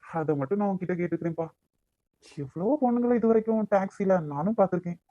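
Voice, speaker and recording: A man's voice: high-pitched, animated, fast, no echo, highs cut off. A man voicing several young men in a Tamil cartoon romance, with a Nagercoil accent, wheedling his fiancée and musing aloud to himself. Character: young man, affectionate fiancé and lovestruck taxi driver. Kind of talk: cartoon voice acting.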